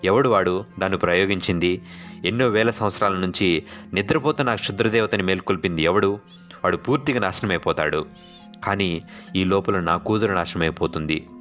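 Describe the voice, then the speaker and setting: A man's voice: low-pitched, a little fast, a bit bright, faint music behind. A man voicing a desperate male engineer who pleads urgently for his daughter.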